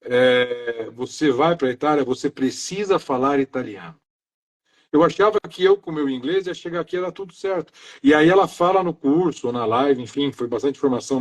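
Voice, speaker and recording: A middle-aged man from Brazil, a maintenance engineer, talking earnestly in a casual live interview, stringing his thoughts together loosely. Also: a little high. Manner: earnest, talks in loose chains of "então" and "né".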